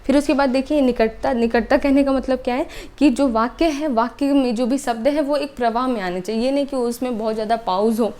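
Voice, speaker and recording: A young woman teaches an online exam-prep class in a fairly high voice. She takes each point step by step and repeats the key ideas. She keeps checking in with short "okay"s as she goes. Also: fairly even intonation, a little fast, few pauses, a little mellow. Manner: explains step by step, repeats points, often adds "ठीक है".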